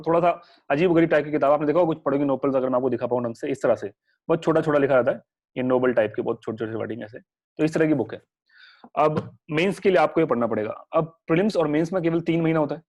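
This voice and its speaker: Teaching a live online exam-prep class despite a sore throat, this young man sounds chatty and reassuring as he blends English words into his Hindi. His voice is medium-pitched with a darkish tone.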